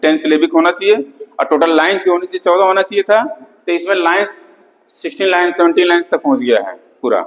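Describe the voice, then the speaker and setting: Lecturer in a reverberant classroom. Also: male voice, sits high, fast talker. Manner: repeats key terms, frequent "theek hai" checks. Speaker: English literature lecturer. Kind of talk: classroom lecture mixing Hindi and English. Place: classroom with board.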